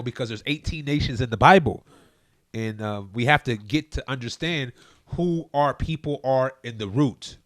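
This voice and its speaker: A man's voice: mid-range voice, no room sound, studio quality. A man co-hosting a casual podcast chat, preaching his views emphatically and telling listeners to look things up. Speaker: podcast co-host.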